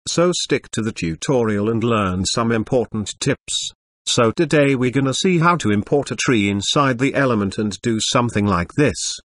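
A synthetic, stilted male computer voice, like an old speech synthesizer, narrating a scripted software tutorial. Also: medium pitch, lively intonation, normal speed, dry recording, clean studio sound. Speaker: tutorial presenter.

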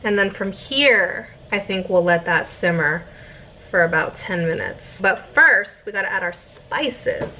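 A woman's voice: mid-range voice, animated, measured pace, pushed and bright, slight background noise, rough recording. A young woman in her twenties chatting casually through a home cooking vlog, laid-back and giggly. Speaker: vlogger. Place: home kitchen. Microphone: camera set in the microwave.

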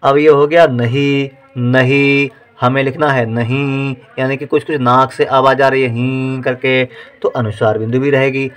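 A man teaching how to write words, slowly sounding out each syllable and repeating words like dictation. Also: mid-range voice, flat delivery, clean tone. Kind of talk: slow dictation-style writing lesson.

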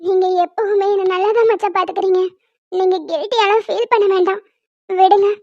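A woman's voice: extremely high pitch, steady tone, fairly quick, no room sound. A woman voicing a scheming, playful young cartoon wife who coaxes and teases her husband in a cutesy way. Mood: coaxing, soothing. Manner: sly and coaxing, cutesy. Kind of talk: cartoon voice dubbing. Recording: dull dry lo-fi sound.

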